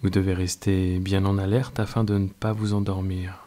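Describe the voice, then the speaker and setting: A man with a French accent guiding a yoga nidra meditation, giving slow, calm, soft-spoken instructions. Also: deep voice. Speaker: meditation guide.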